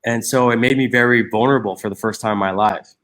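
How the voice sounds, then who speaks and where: He is an Egyptian guest in his forties, a social entrepreneur in a reflective interview, talking fast in a fairly bright, medium-pitched voice with fairly even intonation. His earnest speech is broken by frequent restarts and fillers.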